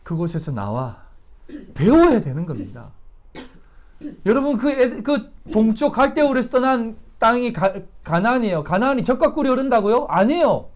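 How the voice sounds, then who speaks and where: A male pastor delivers a Sunday sermon at a church service. He preaches emphatically, putting rhetorical questions to his listeners, and his pitch rises and falls with lively swings. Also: normal speed.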